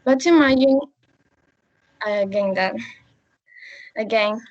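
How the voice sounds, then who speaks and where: A young woman student giving a class presentation, reading carefully and haltingly. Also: medium pitch, darkish tone, no echo. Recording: dry, muffled audio.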